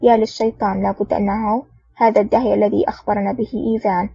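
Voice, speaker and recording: A woman's voice: mid-range voice, little pitch movement, rapid-fire, vocal fry, mellow, husky, no room sound. A woman voicing an anxious, ambitious male Soviet officer who talks in an eager, flustered way. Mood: agitated. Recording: dull lo-fi audio.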